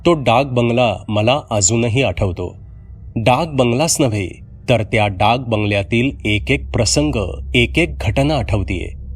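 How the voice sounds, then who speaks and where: A man narrating a horror story in the first person, measured and steady, with acted dialogue. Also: medium pitch, slightly rough, soft background music.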